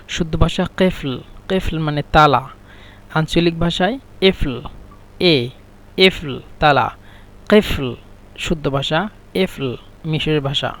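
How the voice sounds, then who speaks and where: A man teaching a spoken language lesson, repeating phrases slowly and explaining how they are pronounced. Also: a little high, fairly bright tone.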